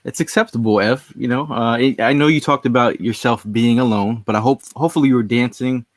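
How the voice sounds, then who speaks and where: On a sports podcast, this co-host chats casually in a laid-back, rambling way, saying "you know" a lot. His medium-pitched voice moves briskly, with clean studio sound and no room echo.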